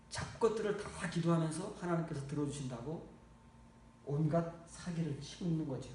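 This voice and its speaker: A man preaching a sermon as pastor, blunt and scolding, swinging from low murmurs to loud exclaims. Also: a little hiss or hum. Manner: lively, shifts from low muttering to loud exclaiming. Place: church. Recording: echoey church hall, mic far off.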